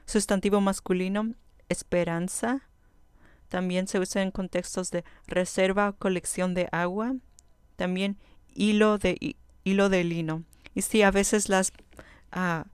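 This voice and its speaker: A woman teaching a vocabulary lesson at an unhurried pace, repeating each term slowly before she defines it. Her voice is very clear and smooth. The sound is dry and close, with no room echo. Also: lowish voice. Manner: slow, careful, repeats each word. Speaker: Biblical Hebrew teacher.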